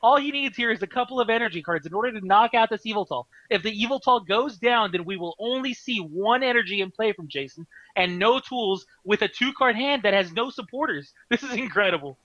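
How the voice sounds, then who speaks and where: A man doing live card game commentary, excitable, laughing often and restarting his sentences. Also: high-pitched, a little fast, few pauses, no echo, muffled recording.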